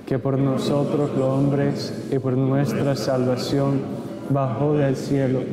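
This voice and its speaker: Male priest, flat steady intoning, cathedral echo, long church reverb, congregation behind. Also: mid-range voice. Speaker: priest leading Mass. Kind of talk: liturgical recitation of creed and prayers. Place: large church. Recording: echoey church hall with congregation. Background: congregation responding.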